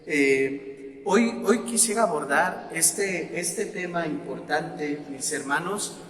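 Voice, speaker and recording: A man with a Mexican Spanish accent, a parish priest giving a sermon-style talk to his congregation, pausing often on fillers and repeating words. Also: fairly high pitch, reverberant, big-room sound, over music. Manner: slow and deliberate, with frequent fillers and repeated words.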